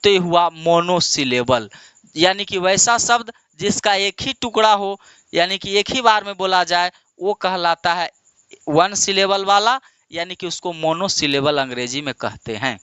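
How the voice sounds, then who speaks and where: Calling his students "my dear," an Indian man leads an English grammar lesson, posing questions and then supplying the answers in a call-and-response pattern with long, drawn-out repetition. His voice sits high and sounds bright, smooth, and forceful, with no echo.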